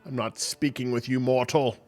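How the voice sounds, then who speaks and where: A man voicing a booming male god who speaks in slow, grand and condescending pronouncements. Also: fairly even intonation, darkish tone, soft background music, lightly acted. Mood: lofty.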